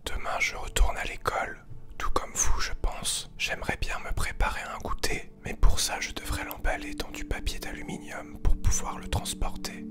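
A young man playing an overly calm relaxation guide in a soft, soothing whispered role-play for a parody ASMR video. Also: close to an everyday voice. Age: young adult. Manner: slow, soothing, deliberately gentle. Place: small bedroom with computer desk, indoors.

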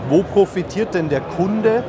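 A young man interviewing a guest at a trade fair, asking brisk questions and adding short agreeing interjections, speaking in a busy indoor exhibition hall. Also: sits high, expressive, over music. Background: loud crowd and fair noise.

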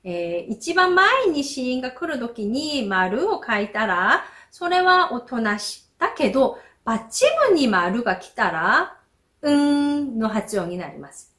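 A young woman who grew up speaking Korean teaches pronunciation slowly and patiently, modeling each sound and repeating it as an example. Her voice is on the high side, sing-song, pushed and bright.

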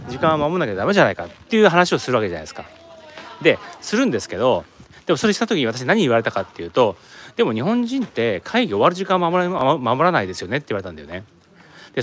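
A man from Japan chatting casually on a live stream while walking around an outdoor tourist site, rambling and answering viewer comments. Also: medium pitch. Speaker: live streamer, office worker in Korea.

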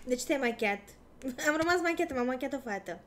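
A woman streamer chatting casually during a game role-play session, quick and reactive. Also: high-pitched, lively intonation, slight background noise.

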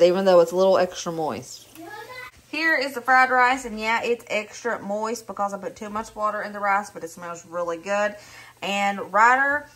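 In her kitchen, a thirtyish woman with a Southern US accent runs a home cooking vlog, talking chattily and upbeat while she cooks. Her voice is mid-range and a bit bright.

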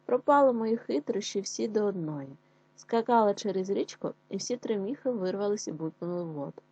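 A woman's voice: mid-range voice, lively intonation, brisk, darkish tone, husky, highs cut off. A woman voicing a sly, chatty female fox in a children's tale. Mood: sorrowful.

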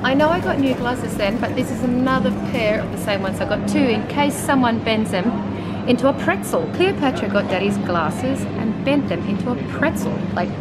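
A woman's voice: on the high side, animated, normal speed. A middle-aged woman, chatting as she walks through a large supermarket and explains each item. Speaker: vlogger mother. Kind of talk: casual shopping vlog. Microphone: handheld camera. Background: background music.

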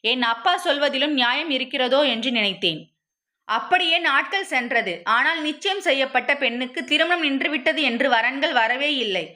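A woman's voice: sits high, bright, forceful tone. A woman narrating a first-person short story with an emotive, dramatic reading.

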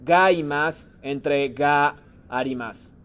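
A man leads a Japanese class with a patient, encouraging manner. His voice sits a little high. He calls on students one by one and mixes Japanese phrases into his explanations. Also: slow, fairly bright tone, smooth. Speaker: Japanese teacher. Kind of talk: online class lesson.

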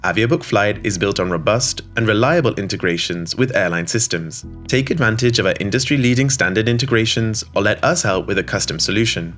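A man with a slightly low voice narrates a scripted promo in an even, polished studio read. Soft music plays quietly behind him. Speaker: voice-over narrator. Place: studio voice-over. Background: soft background music.

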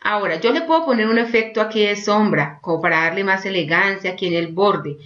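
A woman teaching an online course through a screen-recorded software tutorial, chatty, constantly saying "look" and checking in with "ok?". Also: mid-range voice, brisk, muffled recording. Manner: chatty, keeps prompting with "mira" and "¿ok?".

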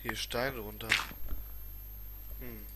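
Grumbling man over clear background noise. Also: lowish voice, fairly even intonation, slow. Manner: grumbling, muttering, colloquial exclamations. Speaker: let's player. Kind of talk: casual gameplay commentary. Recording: clearly noisy home recording with clicks.

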